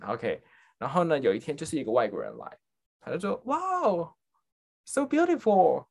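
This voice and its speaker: A man's voice: mid-range voice, very animated, quick pace, gravelly. A man telling a funny story in a casual podcast chat, laughing often and switching into English phrases. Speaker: podcast guest.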